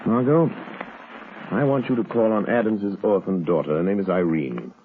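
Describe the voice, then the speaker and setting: A shrewd, calm gentleman detective in a 1930s radio drama. His voice is lowish and husky, with deliberate phrasing. The recording is tinny and narrow. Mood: measured, intrigued. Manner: measured, deliberate. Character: calm, shrewd gentleman sleuth with a secret identity.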